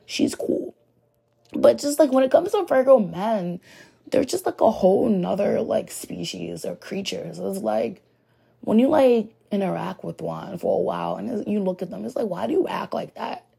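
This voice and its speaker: A young woman hosting a podcast, talking frankly and rambling in a casual monologue while hoarse from losing her voice. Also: medium pitch, animated, a little slow, dark tone. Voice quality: gravelly and raspy. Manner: rambling, frank, heavy on "like" fillers. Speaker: podcast host.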